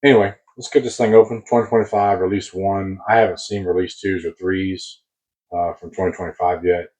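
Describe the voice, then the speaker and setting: An American man rambling casually as he hosts a hobby unboxing video, husky, on a close mic that sounds boomy and muffled, like inside a submarine. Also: little pitch movement, a little fast, darkish tone. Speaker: host of a diecast car collecting channel. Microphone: new mic placed very close.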